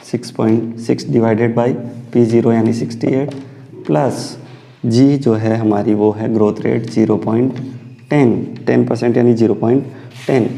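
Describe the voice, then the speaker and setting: A man lectures through a commerce problem, asking himself questions and answering them. His voice is very dark and gravelly. A long reverb hangs behind each phrase. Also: mid-range voice. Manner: mixes Hindi with English terms, asks and answers his own questions. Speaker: commerce teacher. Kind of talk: lecture solving problems step by step.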